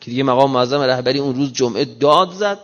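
A man giving an emphatic sermon in casual everyday speech, slowing down to recite scripture. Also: mid-range voice, fairly bright tone. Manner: emphatic, quotes scripture in slow measured recitation; colloquial, explains modern slang. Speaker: preacher. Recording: muffled reverberant hall recording.

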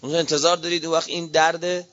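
A man with a Persian accent from Qom, a cleric preaching a fiery sermon, swinging from quiet reasoning to shouted rhetorical appeals. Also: on the high side, level tone. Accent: Iranian Persian, Qom. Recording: dull lo-fi recording.

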